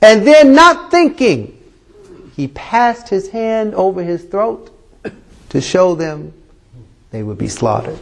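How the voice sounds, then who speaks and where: A man with a fairly high voice retells a story as a sermon to his congregation. His telling is animated and rises and falls with the drama. He adds reverent honorifics as he goes. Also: slow pace, gravelly, long pauses. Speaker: preacher.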